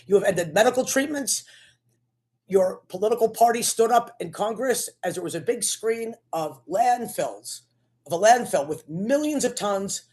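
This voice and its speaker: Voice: mid-range voice, darkish tone. A commentator giving an impassioned, sermon-like political rant in an accusatory, repetitive, preachy manner.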